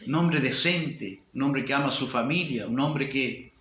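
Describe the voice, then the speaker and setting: A man's voice: medium pitch, normal speed, a bit bright, a little hiss or hum. A male pastor with a Uruguayan Spanish accent, preaching emphatically with repetition and rhetorical questions. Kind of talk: sermon. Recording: roomy, dull lo-fi sound.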